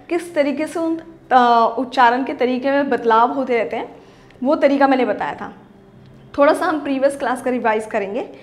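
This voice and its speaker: A woman with a high voice teaches young children an online language lesson. She is patient, stretches out practice words slowly and keeps checking in with a lifted question. The room around her has a clear echo. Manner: patient, repeats "ठीक है?" with a rising lift; slow, drawn-out word drills. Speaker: primary school Hindi teacher. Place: home or classroom recording for online class. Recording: roomy echo.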